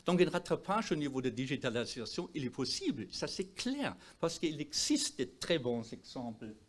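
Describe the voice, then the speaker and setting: A man with a foreign accent, a non-native speaker of French, giving a presentation as a doctor, emphatic and sometimes halting as he searches for words. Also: mid-range voice, very animated. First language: not French. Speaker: doctor presenting at a health conference. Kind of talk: presentation to an audience.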